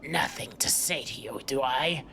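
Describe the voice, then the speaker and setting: A man voicing a menacing reptilian fiend in a fantasy game, speaking slowly and with threat. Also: mid-range voice, gravelly, sharp tone, a little hiss or hum.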